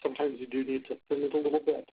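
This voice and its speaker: A man's voice: mid-range voice, little pitch movement, very fast, breathy edge. Man's tutorial voice replayed through a speaker. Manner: short step-by-step commands. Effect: instructional video played aloud from a phone held up to a speaker and re-recorded. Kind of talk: scripted instructional narration. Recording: tinny phone-like playback through a speaker.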